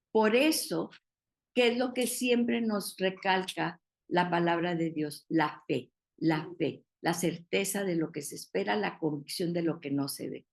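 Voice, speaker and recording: Maestra de estudio bíblico, mujer con acento mexicano, habla pausada y hace preguntas al grupo. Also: female voice, fairly low pitch, creaky. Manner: explains patiently, asks the group questions. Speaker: Bible study teacher. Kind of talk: Bible study teaching.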